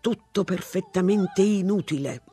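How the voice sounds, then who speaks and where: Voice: mid-range voice, unhurried, mellow, slightly rough, soft background music. A reader playing an exasperated, sarcastic lawyer husband. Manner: dry, exasperated.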